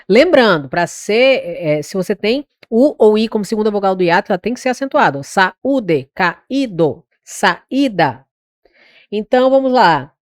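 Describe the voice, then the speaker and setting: A woman with a Brazilian Portuguese accent giving an exam-prep grammar lesson. She corrects herself aloud and sounds out words slowly. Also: mid-range voice, lively intonation, dry recording, studio quality. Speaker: teacher.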